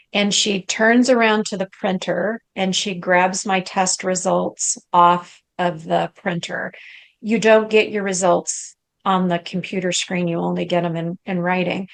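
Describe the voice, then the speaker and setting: A middle-aged woman, a guest coach, telling a story in a conversational interview, her voice rising high as she relives moments. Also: creaky. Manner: animated, rises high when reliving moments.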